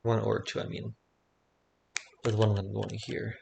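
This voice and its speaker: A man streaming himself solving logic puzzles, thinking aloud in halting, self-correcting murmurs. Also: lowish voice, monotone, gravelly, a little mellow, a little hiss or hum.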